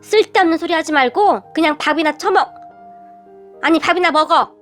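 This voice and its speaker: A woman's voice: extremely high pitch, normal speed, fairly bright tone, soft background music. Woman doing a scolding older mother-in-law. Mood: snapping. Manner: scolding, exasperated. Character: blunt, sharp-tongued older mother-in-law.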